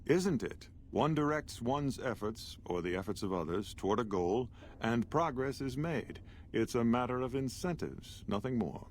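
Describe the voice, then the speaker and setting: Male actor as condescending game scientist, lowish voice, pompous formal diction, faint noise behind. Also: natural voice. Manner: condescending, talks down to the listener. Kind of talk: video game character dialogue. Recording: noisy game audio with background ambience.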